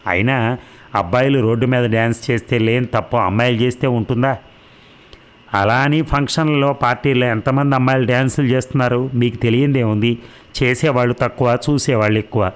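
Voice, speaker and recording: A man's voice: mid-range voice, steady tone, brisk, clean tone, lightly acted. A man voicing a level-headed grown son in a read-aloud novel, arguing in a reasonable, mildly incredulous way. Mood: reasoning.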